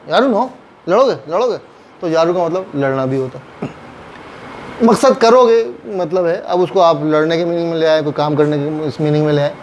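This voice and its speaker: A man's voice: on the high side, a little mellow, a little hiss or hum. A man with a Pakistani Urdu accent teaches a Japanese grammar lesson patiently, repeating each phrase and acting out example sentences. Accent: Urdu-speaking Pakistani. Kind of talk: classroom lesson explaining grammar.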